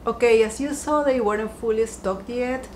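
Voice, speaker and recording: A home decor vlogger, sitting by her dining room window, gives an upbeat, chatty haul talk, dwelling gently on each item. Her voice is fairly high and her pace normal, with soft music playing in the background.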